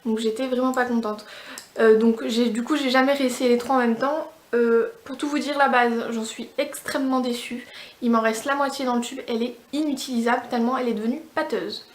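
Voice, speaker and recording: A fairly high-voiced woman from France, chatting away about her makeup and nail polish. She talks casually, full of little fillers and false starts, and her voice rings in an echoey room. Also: steady tone, fairly quick. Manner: chatty, many fillers and restarts. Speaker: beauty vlogger. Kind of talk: casual product review.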